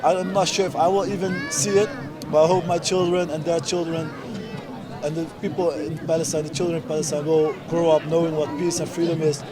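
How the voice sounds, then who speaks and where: Interviewed on the street during a protest, this man from the Netherlands, in his twenties, talks emphatically and earnestly in short, insistent bursts. The voice is a little high and a little fast with flat delivery, and a loud crowd of protesters fills the outdoor recording.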